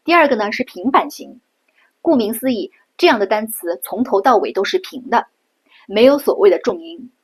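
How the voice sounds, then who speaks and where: A middle-aged woman from China giving a patient pronunciation lesson, slowing down and repeating sounds to show them. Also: mid-range voice, expressive, husky. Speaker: Japanese language teacher.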